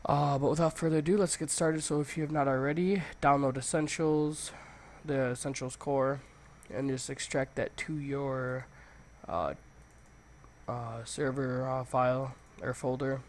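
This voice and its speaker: Male tutorial host, mid-pitched, congested with a cold, loose and informal delivery. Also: level tone, unhurried, a little hiss or hum. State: congested, stuffy nose from a cold. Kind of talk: casual software tutorial, screen walkthrough.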